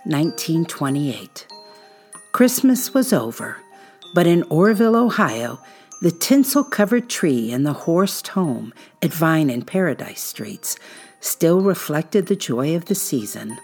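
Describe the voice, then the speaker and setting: A woman hosting a podcast, narrating a true-crime script in a suspenseful, measured storytelling manner with dramatic pauses. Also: low voice, big pitch swings, a little mellow, breathy edge, faint music behind.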